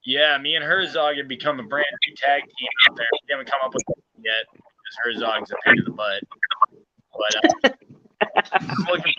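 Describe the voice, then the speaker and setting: A man's voice: mid-range voice, moderate pace, long pauses, sharp tone. A man calling in on his phone without wifi, his voice muffled like it is underwater, talking loosely and rambling with plenty of swearing. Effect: muffled, underwater-sounding phone audio. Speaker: guest calling in. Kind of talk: casual chat. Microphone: phone held in hand, no wifi. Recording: muffled noisy phone line.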